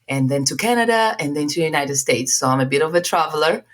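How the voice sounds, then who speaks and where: Woman, from Tanzania, podcast guest, deep voice, easygoing, laughs often. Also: lively intonation, fast talker. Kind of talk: casual interview chat.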